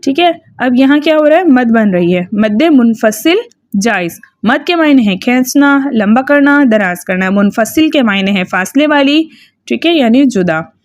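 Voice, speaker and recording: Woman tajweed teacher, high voice, dry close sound, patient step-by-step explanations. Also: lively intonation, moderate pace, no echo. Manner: explains rules step by step, often asks "ठीक है?". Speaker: Quran recitation teacher. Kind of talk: tajweed lesson with recited examples.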